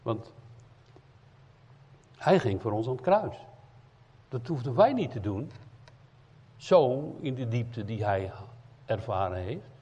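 A man's voice: medium pitch, sing-song, slow, long pauses, breathy edge. Emphatic male preacher in echoing hall. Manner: emphatic, shifts between loud cries and quiet earnest asides. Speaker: evangelist preacher. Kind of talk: sermon. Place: church hall. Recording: dull lo-fi sound in a reverberant church hall.

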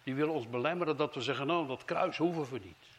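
A man delivers a fervent sermon, his voice sitting fairly high for a man. He pushes key phrases out loudly and then drops to low, hushed lines. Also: fast talker. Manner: fervent preaching, swings from loud emphasis to low hushed phrases. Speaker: preacher.

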